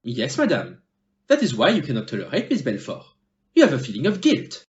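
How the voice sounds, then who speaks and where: In an amateur audio play, a man acts as Hercule Poirot, the polite, shrewd, and blunt Belgian detective, delivering lines in an animated, formal, measured way with pointed phrasing. His tone is reproving and pointed, his voice mid-range, and the sound lo-fi.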